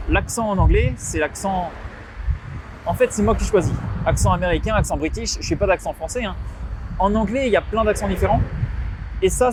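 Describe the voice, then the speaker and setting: A man with a fairly high voice vents his frustration in a loose, casual vlog, talking outdoors in the evening. He swears freely and keeps an exasperated tone. Faint music plays behind him. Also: a little mellow. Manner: exasperated, swearing, quoting others in mocking voices. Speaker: vlogger.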